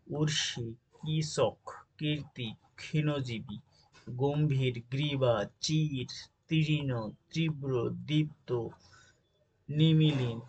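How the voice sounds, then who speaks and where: A man's voice: a little high, steady tone, slow, pauses often, darkish tone, husky, dull audio. A man teaching an exam-prep grammar lesson, reading out word lists and often checking in with his listeners. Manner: reads word lists, checks in with "ঠিক আছে?".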